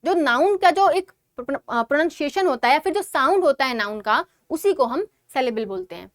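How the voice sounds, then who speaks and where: High-voiced Indian woman teaching an exam lesson. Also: lively intonation, no room sound, clean studio sound. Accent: Indian English. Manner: switches between English and Hindi, reads English quotes slowly and deliberately.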